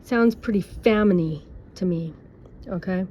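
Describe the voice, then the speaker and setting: A woman's voice: medium pitch, a little slow, mellow, slight background noise. A woman talking to camera in a personal opinion monologue, full of rhetorical questions and sarcastic asides. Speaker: vlogger. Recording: dull lo-fi recording.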